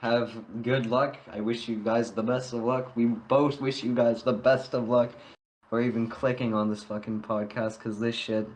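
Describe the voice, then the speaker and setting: A man's voice: mid-range voice, flat delivery, moderate pace, a little mellow. A young man co-hosting a podcast in crude casual chat, swearing a lot and laughing between lines. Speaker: podcast co-host.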